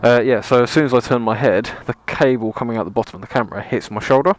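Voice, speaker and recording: A man presents a casual gear-test vlog as a motovlogger, rambling and self-deprecating, with dry sarcasm and some mild swearing. His voice is medium-pitched and quick.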